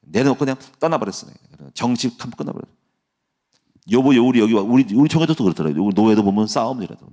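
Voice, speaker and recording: A man's voice: medium pitch, animated, rapid-fire, dark tone. A middle-aged male pastor giving a chatty, folksy sermon that builds into a fervent prayer. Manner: folksy, chatty preaching with laughs and asides.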